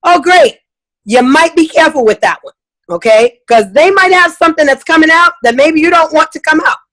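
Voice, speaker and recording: A woman's voice: high-pitched, animated, a little fast, a bit bright, rough recording. Chatty, emphatic woman sales trainer. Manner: chatty, emphatic, acts out customer voices. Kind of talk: casual instructional talk.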